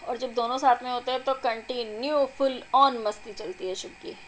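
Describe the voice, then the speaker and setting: A young adult woman, a vlogger and mother, narrating her family video in a chatty, doting, excited voice-over. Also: a little high, normal speed, a little hiss or hum, low-quality recording. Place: recorded apart from the filmed scene.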